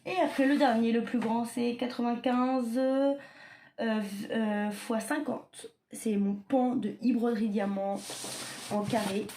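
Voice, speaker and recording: Slow, hesitant woman, noisy room. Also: a little high, fairly even intonation, mellow. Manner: hesitant, many fillers and self-corrections. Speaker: vlogger showing her diamond painting stock. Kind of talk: casual show-and-tell. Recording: clear background noise.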